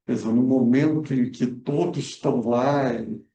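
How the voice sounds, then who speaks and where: A man with a medium-pitched, mellow voice and fairly even intonation speaks at normal speed as a guest researcher explaining history at a film club debate, hesitant with many fillers and restarts. The lo-fi recording is echoey, made in a cultural center event room with him far from the mic.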